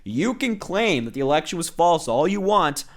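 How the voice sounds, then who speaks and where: A young man co-hosting a casual podcast, explaining slowly with filler pauses and hiccuping now and then. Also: on the high side, sing-song. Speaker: podcast co-host. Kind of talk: casual podcast chat, reading from a legal document.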